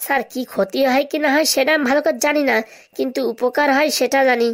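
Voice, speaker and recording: Speaking fast in a high-pitched, steady tone, a performer brings to life a brazen, buck-toothed schoolboy for a comedy cartoon. The character is cheeky and confident, glibly answering back with absurd confidence.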